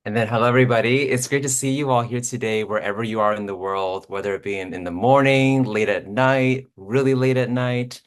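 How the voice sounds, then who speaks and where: A man's voice: mid-range voice, a little fast, few pauses. A middle-aged man, a program administrator, giving upbeat, effusive welcoming remarks. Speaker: assistant director of student programs.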